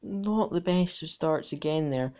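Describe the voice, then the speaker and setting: A man's voice: a little high, a little slow, a little mellow. Man commentating sim race replays. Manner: matter-of-fact, talks through laps turn by turn.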